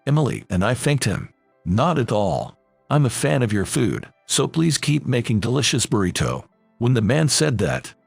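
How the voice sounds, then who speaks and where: A man's voice: medium pitch, vocal fry, breathy edge, no echo. A man reading a first-person drama story aloud as narrator, voicing every character in the same plain voice.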